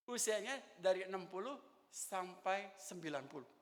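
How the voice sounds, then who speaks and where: A man in his sixties preaching a sermon in church, animated and joking as he tells stories. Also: high-pitched, normal speed. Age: 60s. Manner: animated, joking storyteller with laughter. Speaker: pastor. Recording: echoey church hall.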